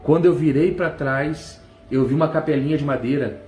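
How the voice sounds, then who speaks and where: A man's voice: a little high, steady tone, moderate pace, darkish tone. A middle-aged man from Brazil, giving a fervent church testimony and breaking into cries of praise. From southern Brazil. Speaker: testimony speaker. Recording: echoey room with faint music.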